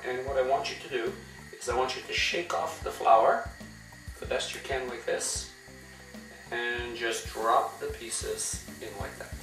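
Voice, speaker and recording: Hoarse and losing his voice after a cold, a man hosts a home cooking show at a gas stove in his kitchen, giving relaxed step-by-step instructions with many fillers. His voice is mid-range, and the recording is echoey with a distant mic and music.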